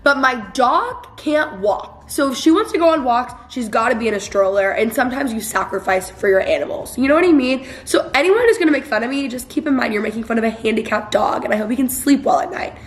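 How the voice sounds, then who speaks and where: Young female vlogger, casual and self-mocking, somewhat high voice, roomy garage echo. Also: lively intonation, fairly quick, hardly any pauses. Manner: chatty, filler-heavy, self-mocking. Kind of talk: casual vlog chat. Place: home garage.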